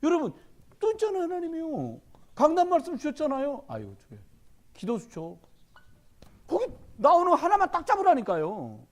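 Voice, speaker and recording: A man's voice: very high voice, wildly swooping pitch, moderate pace. A man preaching a sermon as the pastor at a Wednesday church service, urging and joking with the congregation.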